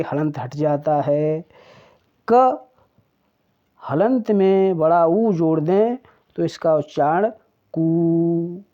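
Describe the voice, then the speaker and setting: A teacher walks through the alphabet very slowly, drawing out each sound with care. The voice sits at a middle pitch. The recording is dull and lo-fi. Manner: deliberate, drawn-out pronunciation of each sound. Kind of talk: Hindi alphabet lesson.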